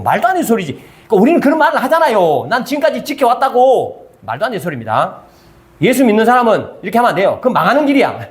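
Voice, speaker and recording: Man, pastor, emphatic sermon, question-and-answer style, high voice, lively pitch. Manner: emphatic, asks the congregation questions and answers them; reads scripture aloud in a measured cadence. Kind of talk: sermon, Bible review.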